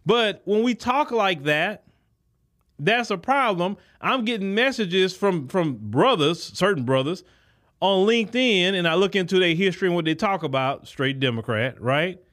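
A man's voice: high-pitched, fairly bright tone. A man hosting a podcast, giving an indignant, emphatic political commentary monologue. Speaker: podcast host.

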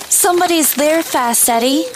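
An actress playing a nervous, prim and expressive young woman in an audio drama. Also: lowish voice, takes it slowly. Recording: noisy night ambience with crickets and owls.

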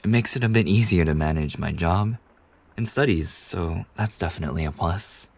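Playing a gentle, attentive university student working as a polite young bartender, a low-pitched man performs a soft, intimate scripted ASMR roleplay. His breathy, courteous, soothing delivery includes hesitant pauses, and the mood is reflective and candid.

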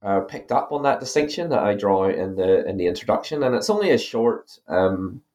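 An Irish author, a guest in an academic interview, thoughtfully explains his ideas, with lots of fillers and restarts. His fairly low voice is sing-song and a little mellow, at a normal speed.

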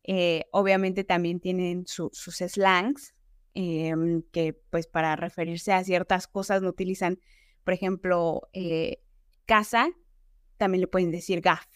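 A woman's voice: on the low side, flat delivery, a little slow, clear, resonant tone, dry recording, studio quality. A woman from Mexico with a Mexican accent, a podcast guest talking at length in a casual, chatty way with anecdotes.

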